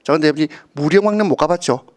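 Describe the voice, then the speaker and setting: A man's voice: a little high, fast. A man, giving an exam-prep history lecture, often checking with students through short tag questions and telling anecdotes. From Gyeongsang region of Korea. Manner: tells anecdotes and acts out quoted speakers.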